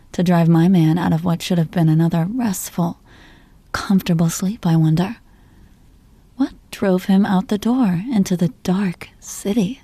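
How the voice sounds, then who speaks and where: A woman playing a jealous, possessive girlfriend in an ASMR role-play, teasing and interrogating her partner in a slow, controlling murmur. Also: fairly low pitch, warm tone, no room sound. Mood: teasing suspicion.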